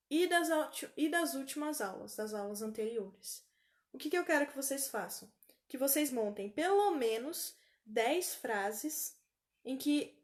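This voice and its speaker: Brazilian woman teaching English vocabulary. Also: sits high. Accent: Brazilian Portuguese. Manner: repeats each word slowly for pronunciation drills. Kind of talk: online class lesson.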